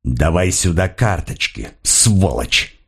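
Man reading as a gruff old detective, snarling, menacing, low voice, audiobook. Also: expressive, slow pace, fairly bright tone, heavily acted.

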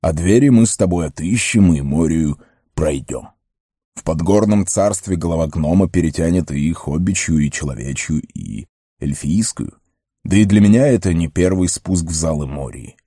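A man voicing a grave, wise old male wizard who speaks in a measured way. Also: sits low, lively intonation, dark tone, no room sound, studio quality.

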